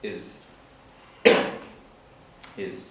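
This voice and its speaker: A man giving an informal literature presentation, explaining in a halting way and searching for his words. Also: fairly bright tone. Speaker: student presenter. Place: large room at an evening school event. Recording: echoey hall from far off, faint noise.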